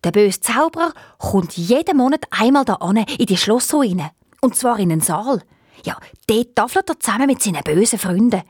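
Woman doing a sad owl princess, hoarse, high, Swiss German lilt, dry storybook read. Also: animated, moderate pace, no echo. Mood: plaintive. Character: enchanted young princess turned owl, sorrowful.

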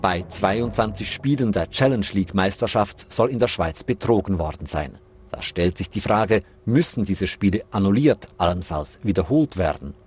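A man's voice: deep voice, expressive, normal speed. A male reporter reading a scripted radio news report in a formal way. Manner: formal, narrating.

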